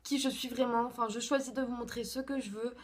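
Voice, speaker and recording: A woman's voice: fairly high pitch, fairly even intonation, fast. A young woman vlogging casually into her phone, chatty and rambling with lots of fillers. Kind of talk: casual vlog chat. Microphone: phone camera.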